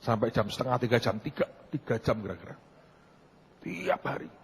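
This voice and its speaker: A man's voice: medium pitch, expressive, normal speed, gravelly, slight background noise. A middle-aged man preaching as pastor, telling a story in a conversational, joking way and often turning to the congregation. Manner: mixes humor into preaching. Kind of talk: sermon.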